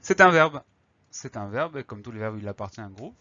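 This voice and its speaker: A man's voice: medium pitch, lively intonation, a little fast, sharp tone, no echo, muffled recording. A man teaching a spelling lesson, patiently breaking words into syllables and spelling them letter by letter.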